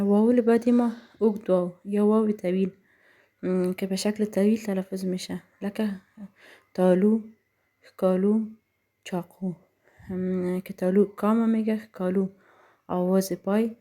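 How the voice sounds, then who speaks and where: Woman teacher, mellow voice, slow careful word-by-word reading. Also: mid-range voice, steady tone. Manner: reads each term slowly one by one, then translates with many fillers. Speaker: language teacher. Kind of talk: bilingual lesson explaining and reading example words.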